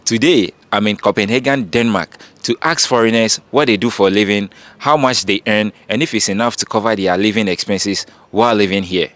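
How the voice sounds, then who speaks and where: A man's voice: fairly low pitch, fairly quick, few pauses, a bit bright. A man hosting a casual street interview vlog outdoors, asking short friendly questions. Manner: friendly, brief prompting questions. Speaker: street interviewer and channel host.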